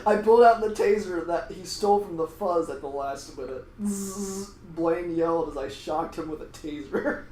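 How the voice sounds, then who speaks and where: Male podcast host, higher voice, reads comic story, keeps laughing; roomy echo. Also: steady tone, moderate pace, warm tone. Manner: breaks into laughter while reading. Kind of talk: comedic read-aloud with frequent laughter. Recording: echoey room, faint ambient noise.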